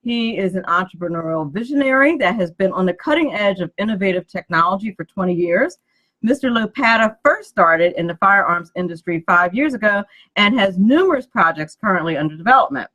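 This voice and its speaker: A woman's voice: mid-range voice, animated, a little fast, sharp tone, poor audio. A woman hosting a business radio talk show, chatty and giggly as she introduces her guest. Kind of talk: casual radio chat.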